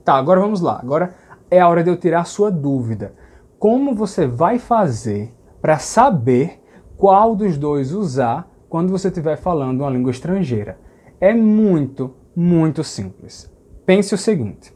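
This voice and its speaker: A man with a Brazilian Portuguese accent teaching a language lesson, explaining patiently and slowing down to say example phrases. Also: a little high, sing-song, a little mellow, breathy edge.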